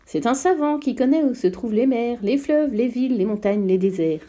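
A woman's voice: fairly high pitch, lively intonation, normal speed, warm tone. A woman reading aloud and voicing a self-important old male geographer who lectures grandly. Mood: lofty. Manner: lofty, lecturing.

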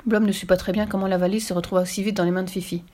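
A woman reads a children's story aloud in a lively, expressive way. Her voice sits at a middle pitch, and she tells the tale with animated storytelling. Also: rapid-fire.

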